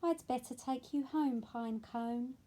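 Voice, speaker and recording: A woman voicing a small, kind young penguin in a children's picture book, with an eager, bright read-aloud voice. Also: a little high, unhurried, natural voice.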